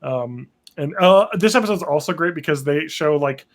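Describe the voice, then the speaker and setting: A man's voice: fairly high pitch, expressive, moderate pace. A man co-hosting a podcast, chatting casually and rambling, swearing freely and laughing often. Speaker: podcast co-host. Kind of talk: casual chat.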